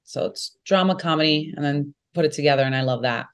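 A woman with a Brooklyn accent chats as an interview guest. She talks in an animated, joking, storytelling way. Her voice sits slightly low for a woman. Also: fast talker. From Brooklyn, New York. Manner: animated, jokey, lively storytelling. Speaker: actor and guest. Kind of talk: casual interview chat.

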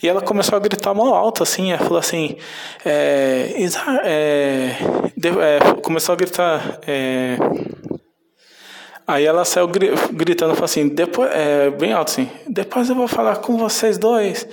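A man's voice: a little high, moderate pace, vocal fry. A man with a Brazilian Portuguese accent telling a story casually in a meandering, hesitant way.

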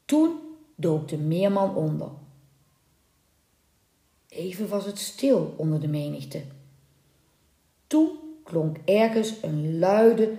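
Woman storyteller, storybook narration, measured and dramatic, very slow, echoey room. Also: on the low side, gravelly. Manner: calm, measured, dramatic reading. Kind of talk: storybook narration of a folk legend. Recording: roomy echoing room.

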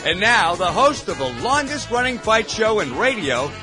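High-pitched, animated fight-show ring announcer man. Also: moderate pace, music in the background.

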